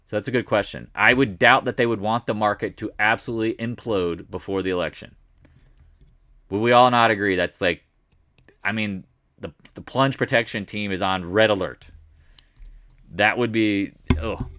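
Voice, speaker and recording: A man's voice: lowish voice, normal speed, bright, forceful tone, no room sound, clean studio sound. A man giving a casual, rambling market recap, often restarting and correcting himself and joking along the way. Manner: rambling, self-correcting, jokey. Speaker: market commentator.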